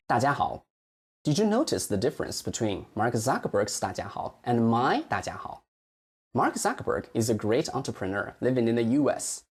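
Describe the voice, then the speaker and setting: A native Chinese teacher from mainland China, speaking with a Chinese accent, explains pronunciation in a lesson, modeling words slowly and stretching the syllables with care. His mid-range voice is sing-song, with slight background noise.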